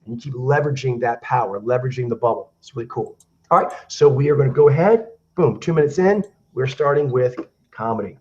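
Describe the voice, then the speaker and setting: A man hosting a casual online talk show over a video call, slightly hoarse from a cold, talking in a loose, rambling way with many fillers. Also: mid-range voice, fast, darkish tone, muffled recording. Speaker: host.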